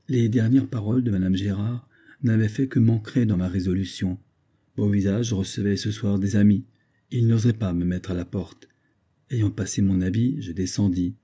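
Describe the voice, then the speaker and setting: Dark husky male storyteller. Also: lowish voice. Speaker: audiobook narrator. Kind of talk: literary story reading.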